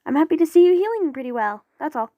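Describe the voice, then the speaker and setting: A woman voicing a cheerful young female apprentice in an audio story, chirpy and gentle. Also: sits high, big pitch swings, fast talker, no echo, narrow, tinny audio, voice pushed up.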